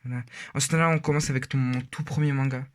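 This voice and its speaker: A teenage boy talks in a loose, casual way, stopping often on fillers and restarting his sentences. His pitch sits in an ordinary middle range for a young male voice. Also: fairly even intonation, fast. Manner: rambling, hesitant with many fillers. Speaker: vlogger. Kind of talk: casual shelf tour.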